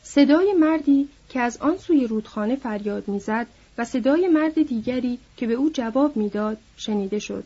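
A woman reads an audiobook in a measured, somber way. Her voice is mellow and husky and sits a bit high, and the lo-fi recording sounds dull. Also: animated. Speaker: narrator. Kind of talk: audiobook narration.

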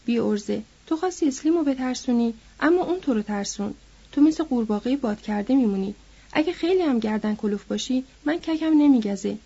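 Rough ranch hand taunting someone, woman reading it, husky voice. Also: high-pitched, lively intonation, mellow, muffled recording, heavily acted.

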